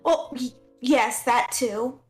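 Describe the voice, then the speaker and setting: A woman in a casual chat while a game is played, excitable and shouting advice at the player. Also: fairly high pitch, slow pace, soft background music. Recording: echoey room.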